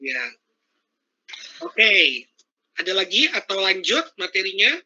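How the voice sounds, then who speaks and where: A man's voice: high-pitched, big pitch swings, slow pace, pushed and bright, highs cut off. A man giving a casual, interactive workshop talk over a video call. He chats freely and keeps asking his audience questions. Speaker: workshop speaker.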